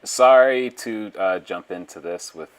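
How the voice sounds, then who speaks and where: A man speaking in a monotone voice-over, explaining a lifter's form as her strength coach. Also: fairly low pitch, unhurried, clean tone. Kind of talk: voiceover commentary.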